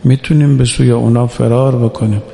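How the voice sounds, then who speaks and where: A man preaching a religious sermon who urges his listeners on and slowly chants quoted scripture. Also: medium pitch, steady tone, creaky, warm tone. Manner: exhorting, quotes Arabic scripture in slow chant. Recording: echoey hall reverb.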